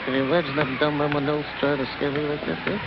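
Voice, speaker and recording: A man's voice: a little high, level tone, fast, heavy background noise, close to an everyday voice. A man voicing a mild, bumbling, easily spooked cartoon character who mutters to himself. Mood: uneasy muttering. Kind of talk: 1930s theatrical cartoon acting. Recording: muffled vintage cartoon soundtrack with loud music.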